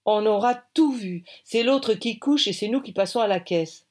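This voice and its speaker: A woman's voice: on the low side, moderate pace, breathy edge. A woman doing a nervous clingy actor. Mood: sarcastic.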